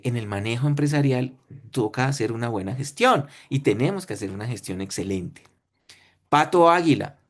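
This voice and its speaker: A man with a Colombian accent who presents a webinar and tells a story in the style of a lecture. He talks in short phrases and often checks in with his listeners. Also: medium pitch. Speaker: webinar speaker.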